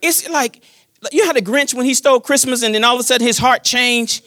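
A grandfather in his fifties preaching a sermon in a folksy, joking manner, swinging between loud declarations and quiet asides. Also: very high voice, quick pace, no room sound. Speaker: pastor.

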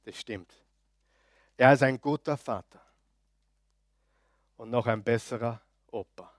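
A male pastor delivers a sermon in a mid-range voice, booming out key phrases and then dropping to soft, confiding asides. He keeps turning to the congregation with questions. The sound is dry and close, with little room echo. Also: slow pace. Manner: emphatic, swings between loud declarations and quiet asides; asks the audience frequent questions.

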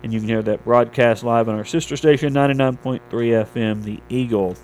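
Guy reading local radio news, sports and weather, medium pitch, some hum in the background. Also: steady tone, quick pace, darkish tone. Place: radio studio.

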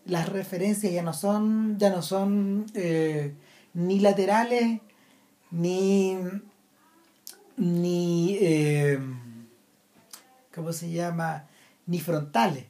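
A woman's voice: on the low side, fairly even intonation, very slow, pauses often, warm tone. A woman with a Chilean accent, talking casually about a film, hesitant with many restarts. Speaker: film commentator.

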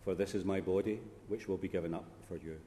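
A man, a priest, reciting funeral Mass prayers in a measured, solemn way, his voice ringing with cathedral echo. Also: low voice, steady tone, dark tone, a little hiss or hum. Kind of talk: liturgical recitation. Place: large church. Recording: long reverb in a large church, faint ambience.

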